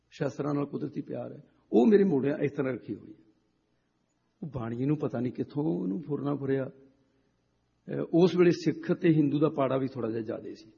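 A Sikh preacher from Punjab, a man telling a story in a sermon and acting out the dialogue with lively delivery. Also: mid-range voice, creaky, slightly rough. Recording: reverberant hall, dull lo-fi sound.

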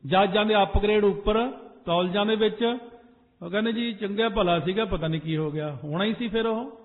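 A man's voice: high-pitched, moderate pace. A man preaching a Sikh sermon to a congregation, telling stories and sometimes chanting phrases. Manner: storytelling, exhorting the congregation. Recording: phone-like echoey hall recording.

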